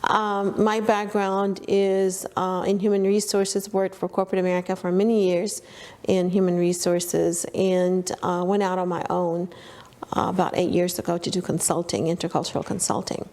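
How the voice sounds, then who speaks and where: Woman from egypt, consultant, flat mellow voice, calm interview. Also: on the low side, moderate pace. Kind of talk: documentary interview.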